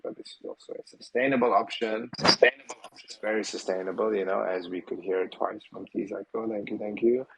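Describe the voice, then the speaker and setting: A man's voice: low voice, slightly rough, poor audio. A man hosting a live audio chat, talking loosely with lots of fillers and the odd swear. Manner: loose, filler-heavy, informal and a bit profane. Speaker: project team member hosting an AMA.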